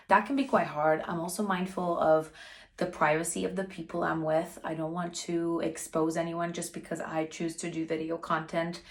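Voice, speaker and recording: A woman in her thirties chats casually to the camera as a vlogger, her fairly low, slightly raspy voice peppered with frequent "like" fillers.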